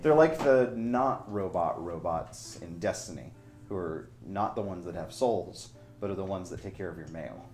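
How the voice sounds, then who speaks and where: A man with a very low, deep voice narrates a tabletop game as its game master, slipping from narration into jokes. His voice sounds roomy and echoey, with music playing behind him. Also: expressive, normal speed, darkish tone. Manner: jokey, switches between narration and character voices.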